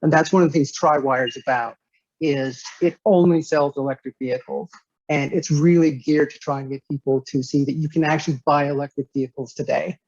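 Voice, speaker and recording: A man gives an online business presentation over a video call. His voice sits a little high for a man, and he speaks in a measured way, with many "uh" fillers and restarts. The audio is dull and dry, with no room sound. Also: steady tone, a little mellow, dry recording. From United States, Nevada. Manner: measured, with frequent "uh" fillers and repeated words. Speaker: guest speaker, company director.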